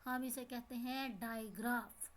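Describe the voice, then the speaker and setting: High-voiced woman teaching with patience. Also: fairly even intonation, takes it slowly. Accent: Pakistani Urdu. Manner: patient, repeats words and asks the class questions. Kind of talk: explaining a school English lesson.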